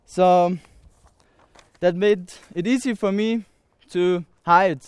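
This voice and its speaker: An Austrian nineteen-year-old with an Austrian German accent offers heartfelt personal testimony to listeners, stumbling through English with frequent pauses and restarts. His high voice is steady, clear, resonant and a little mellow, captured in a dry recording.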